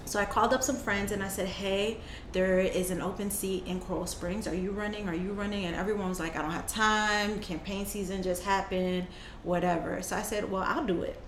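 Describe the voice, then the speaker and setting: Guesting on an interview show, a young climate justice program manager recounts her story in a sincere, chatty way, laughing readily. She speaks a little fast in a steady, medium-pitched voice; the room echoes and has a bit of noise.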